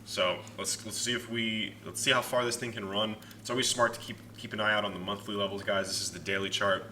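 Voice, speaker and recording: Brisk and sharp in tone, this young male host of a stock market analysis channel has a fairly low voice with fairly even intonation. He chats informally with his viewers about the markets, qualifying his opinions as he goes, against faint background noise.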